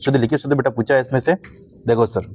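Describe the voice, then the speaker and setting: A man's voice: medium pitch, fairly even intonation, fast, darkish tone, husky. A man teaching a Hindi spelling lesson to students, speaking Hindi with a Hindi accent, repeating "thik hai sir" and calling the students "beta" again and again. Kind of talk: online class lesson.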